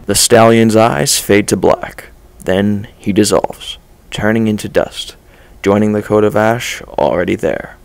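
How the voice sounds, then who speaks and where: A man reading a dark first-person story aloud in a measured, low-key way. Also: vocal fry, no echo. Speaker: story reader. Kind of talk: first-person fan-fiction narration.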